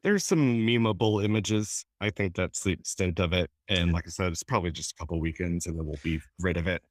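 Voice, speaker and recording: A man's voice: deep voice, steady tone, fairly quick. A man co-hosting a film podcast, giving opinionated takes with wry asides. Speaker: film critic podcast host. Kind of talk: casual film discussion.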